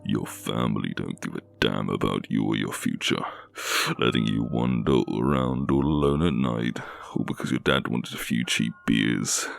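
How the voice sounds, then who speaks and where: A man voicing a young male kidnapper in a scary story, with a low, haunting voice and a slow, teasing, falsely sweet manner. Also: creaky, heavily acted. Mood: smug.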